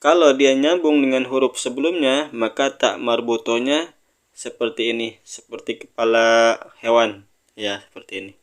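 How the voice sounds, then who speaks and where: A man's voice: medium pitch, fairly even intonation. A man teaching Quran reading, stretching out each recited word before explaining it plainly, and inviting the listener to read along. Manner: drawn-out sung recitation of words, then plain explanation. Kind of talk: step-by-step recitation lesson.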